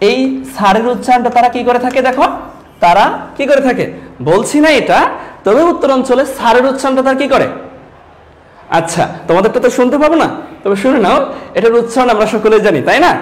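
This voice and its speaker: High-voiced teacher from Sylhet. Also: male voice, lively intonation, quick pace, long pauses. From Sylhet, Bangladesh. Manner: repetitive questioning, addresses students directly. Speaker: Bengali teacher. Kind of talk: online class lecture.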